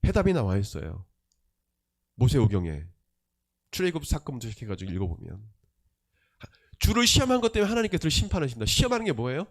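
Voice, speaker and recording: A male pastor preaching a sermon, emphatic, with rhetorical questions and swings between loud and soft. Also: mid-range voice, sing-song, fast talker, pauses often.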